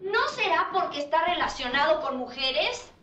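Jealous nagging wife in a comedy movie, really high sharp voice, echoey old film sound. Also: female voice, sing-song, moderate pace, a little hiss or hum, exaggerated voice. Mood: suspicious, indignant.

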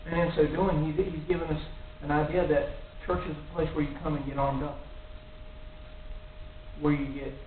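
A man's voice: on the high side, flat delivery, normal speed. A middle-aged man giving an earnest sermon in a small church, speaking into a stand mic and building to emphatic warnings. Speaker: lay preacher. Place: small church room in front of a cross. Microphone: stand mic near the mouth. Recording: tinny, echoey, distant with faint hiss.

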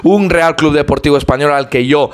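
A man with a fairly high voice delivers a match recap as a voice-over. He talks fluently and gives opinionated football analysis, pausing now and then on an "eh". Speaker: fan channel host.

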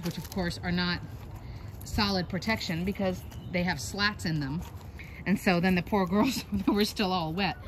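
This backyard chicken vlogger gives a casual show-and-tell from the chicken run, her children nearby, explaining how things are put together while singing out to her hens in a high, lilting call. Her slightly bright voice comes through a handheld phone camera with a touch of hiss or hum.

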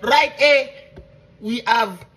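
A man's voice: extremely high pitch, extremely slow, pushed and bright, husky. A man from Jamaica hosting a casual comic food-tasting video, chatting playfully and asking viewers directly for help.

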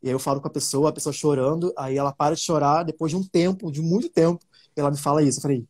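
A man's voice: fairly high pitch, fairly even intonation, fast talker, a little mellow, husky. A man from Brazil, an interview guest, telling stories animatedly with many fillers and restarts. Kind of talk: casual interview talk.

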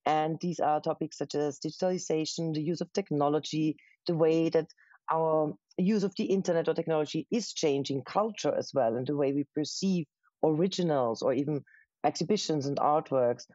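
A woman's voice: low voice, warm tone, dry recording, highs cut off. Austrian woman curator on a video call. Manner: thoughtful, pauses with fillers. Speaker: museum curator, guest. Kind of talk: casual interview answers. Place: living room at home. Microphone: webcam on a video call.

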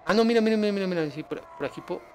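Excitable high-voiced gamer man. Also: racing, slight background noise. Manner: excitable, yelps and laughs at danger, chats with viewers. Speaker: gaming streamer. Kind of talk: live gameplay commentary.

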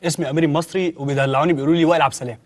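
An actor playing a chatty Egyptian student who rambles through a long excuse. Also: male voice, on the high side, fairly even intonation, close to an everyday voice. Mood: rambling. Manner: rambling, quick storytelling.

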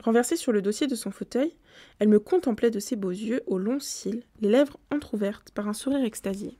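A woman reads a nineteenth-century gothic novella aloud for her live audience, keeping a steady storytelling flow and correcting herself now and then. Her voice sits a little high, and the close microphone sounds dry. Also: a little fast, no room sound. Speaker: book reader on a live stream.

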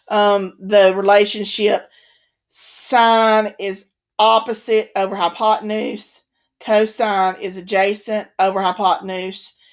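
A woman math instructor giving a recorded video lecture, patient and repeating key points with the odd "um" and "okay". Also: mid-range voice.

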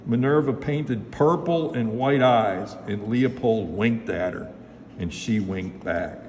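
A man's voice: lowish voice, slow pace. Man reading a picture book in a hall. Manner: lively, expressive storytelling. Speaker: storybook reader, local official. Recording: echoey hall, faint noise.

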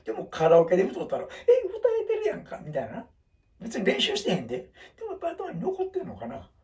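Older man, kansai accent, casual chat to viewers, self-mocking, lively up-and-down voice, slightly off-mic. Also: high voice, quick pace, creaky, far from the mic. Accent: Kansai Japanese. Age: 70s. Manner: chatty, rambling, self-deprecating, jokes and laughs. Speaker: vlogger.

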